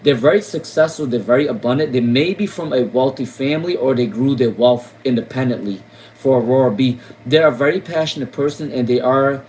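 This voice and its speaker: A man's voice: mid-range voice, darkish tone, a little hiss or hum, poor audio. A man from Rhode Island giving casual tarot readings on a live stream, repeating names and questions with many fillers. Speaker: tarot reader.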